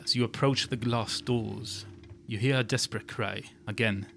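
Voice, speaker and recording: A man with a fairly low voice acts as game master, narrating scenes descriptively for a tabletop game. Soft music plays underneath. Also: steady tone, normal speed, vocal fry.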